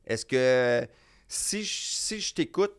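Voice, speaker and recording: Québécois male comic guest, gravelly voice, talks in loose animated restarts. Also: mid-range voice, takes it slowly. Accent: Québécois French. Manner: animated storyteller, rambling restarts. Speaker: comedian guest. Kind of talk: casual chat.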